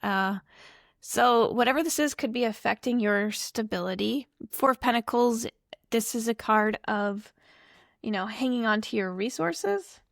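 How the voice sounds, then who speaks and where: A woman's voice: on the high side, unhurried, gravelly, no room sound, clean studio sound. A woman reading tarot cards to camera in a loose, rambling, apologetic way, full of asides. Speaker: tarot reader.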